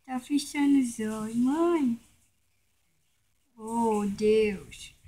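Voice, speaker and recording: High-voiced woman cooing at her dog. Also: drawn-out words, dark tone. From Brazil. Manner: cooing, pleading baby talk to a dog. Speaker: vlogger. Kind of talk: casual vlog, coaxing her pet.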